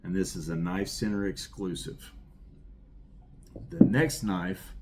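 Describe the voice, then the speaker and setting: In a low, darkish voice with a faint hiss or hum behind it, a middle-aged man from the rural American South excitedly presents his knife collection. It's a loose show-and-tell, full of rambling and repeated words.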